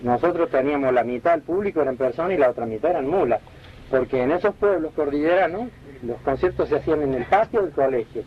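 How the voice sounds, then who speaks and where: A man telling anecdotes in a relaxed, rambling way, often correcting himself and searching for names. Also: a little high. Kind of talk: relaxed spoken storytelling. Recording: dull lo-fi archive recording with faint hiss.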